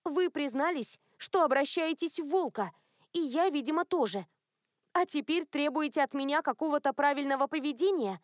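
A woman's voice: high-pitched, animated, moderate pace, dry recording, clean studio sound, voice pushed up. A woman voicing a bewildered young woman newly turned werewolf, indignant and questioning.

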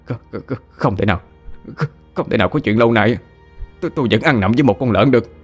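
A man's voice: mid-range voice, fast, husky, faint music behind, close to an everyday voice. A man voicing a cowardly, panicked man who stammers as he begs for his life. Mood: disbelieving. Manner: stammering, pleading.

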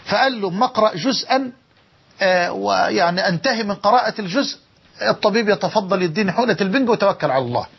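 A man's voice: high voice, expressive, quick pace, gravelly, husky. A man preaching a sermon in an Egyptian accent, telling stories with emotion and repeating key phrases. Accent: Egyptian Arabic. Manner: emotive storytelling with repetition. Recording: dull lo-fi recording.

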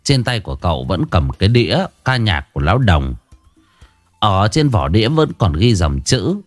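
Male storyteller, wry and expressive; dry, close sound. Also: lowish voice, moderate pace, no room sound, soft background music. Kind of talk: comic ghost-story narration.

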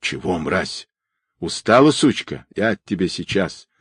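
A foul-mouthed young woman brawler, snarling and aggressive, as a man voices her in an audiobook. The voice is husky and fairly low, with wide swings in pitch, recorded dry and close. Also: very animated, unhurried, fairly bright tone, dry recording, heavily acted.

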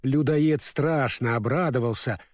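A man narrating a children's storybook in an expressive reading voice. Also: mid-range voice, unhurried, dry recording, clean studio sound. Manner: expressive, animated.

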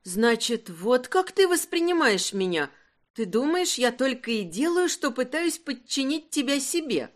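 A woman playing a proud young heiress in a romance audiobook, earnest and quick to argue. Her voice moves with a lively, wide-ranging pitch. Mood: indignant.

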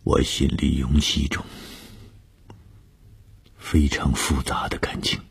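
A man narrating a first-person audiobook story, slow and often breathy, sometimes half-whispered. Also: a bass voice, level tone.

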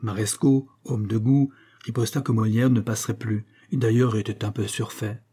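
A man narrating an audiobook in a measured, even literary reading. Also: fairly low pitch, husky.

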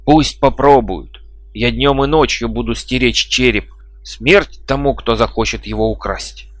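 A man's voice: medium pitch, fairly even intonation, moderate pace, fairly bright tone, no room sound, close to an everyday voice. A man voicing a crippled, feverish man who speaks in a strained, choked half-whisper, in an audiobook reading. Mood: hateful.

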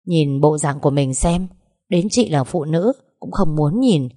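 A woman's voice: deep voice, lively intonation, measured pace, dark tone, no room sound, studio quality. A woman voicing a spiteful, scheming young woman who taunts and sneers at her rival. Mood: taunting.

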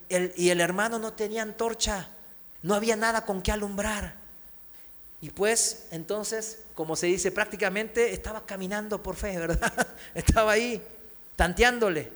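A man preaching a sermon, telling a story with lively acted-out cries and chuckles. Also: high voice. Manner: animated storytelling, acts out cries and laughs. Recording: long hall reverb.

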